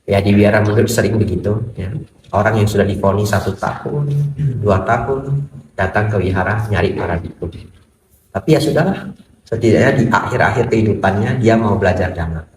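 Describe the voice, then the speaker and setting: Man giving a lively Buddhist sermon. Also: fairly low pitch, fairly quick. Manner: lively storytelling, acts out dialogues, jokes with audience. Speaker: Buddhist monk. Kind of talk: Dhamma sermon. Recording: roomy echo, distant mic, faint noise.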